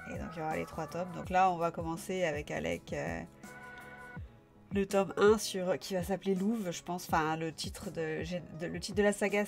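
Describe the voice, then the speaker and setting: A woman's voice: on the low side, gravelly, a little mellow. A young woman from France hosting a live stream, chatting loosely with viewers, full of fillers and restarts. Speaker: livestream host. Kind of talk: casual live chat with viewers.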